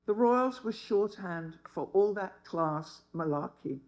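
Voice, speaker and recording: Older woman in her seventies, dry wit, tells her story slowly to a room of listeners. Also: medium pitch, expressive, a little mellow, poor audio. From England. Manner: wry, humorous. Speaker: speaker. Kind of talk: personal storytelling talk.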